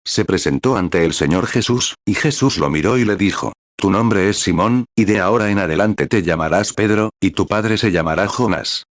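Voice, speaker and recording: A man reading a sermon aloud in a measured, steady way, citing scripture chapter and verse as he goes. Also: on the low side, dry recording, studio quality. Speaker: sermon reader.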